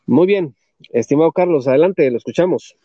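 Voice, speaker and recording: A male host of a live audio talk, speaking calmly and courteously to callers. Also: fairly high pitch, a little fast, slightly rough, no echo. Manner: calm, courteous, uses formal address. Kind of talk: live audio space hosting. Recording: slightly dull lo-fi audio.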